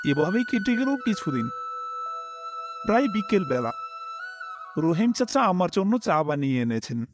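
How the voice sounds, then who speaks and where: A young man narrates a horror story in the first person as its main character, reading in a scripted, expressive way and slipping into polite dialogue. His voice is high for a man and highly melodic, his pace measured, with music in the background.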